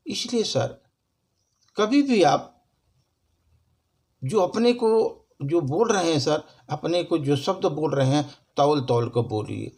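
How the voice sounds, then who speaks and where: A man with a high voice recites a short poem in a slow, deliberate way. He repeats each line with emphasis and keeps addressing his listener as sir. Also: expressive, darkish tone, breathy edge. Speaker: poetry reciter. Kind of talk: recited Hindi poetry with spoken introduction.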